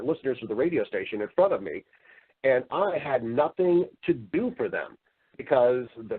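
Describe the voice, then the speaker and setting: With a slightly rough, mid-range voice, an American man tells his story as an interview guest, chatty and rambling with frequent repeated words. He's a voice actor and entertainer, and the recording is muffled and phone-like.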